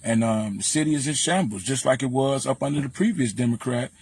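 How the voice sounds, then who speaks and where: A man's voice: medium pitch, brisk, darkish tone, slightly rough. A man with a Chicago accent hosting a casual livestream, blunt and preachy, speaking straight to his viewers. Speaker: livestream host.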